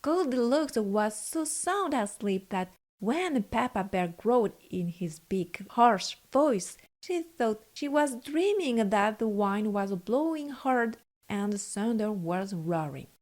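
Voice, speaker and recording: A woman narrating a children's storybook in two languages, reading slowly and deliberately. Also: mid-range voice, big pitch swings, darkish tone. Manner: slow, deliberate, clear reading.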